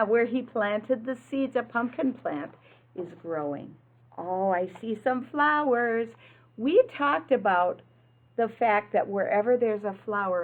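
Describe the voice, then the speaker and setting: Over phone-quality audio, a woman with a mid-range voice reads a picture book aloud in the manner of an early-childhood teacher. She speaks simply and instructively to young listeners and asks them questions.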